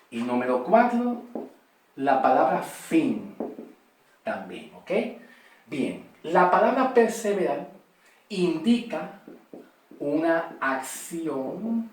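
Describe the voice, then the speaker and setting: Tired guy teaching bible study, super slow, keeps saying ok?, echoey room, mic far away. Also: on the high side, a little mellow. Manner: repeats key words and checks in with "ok?".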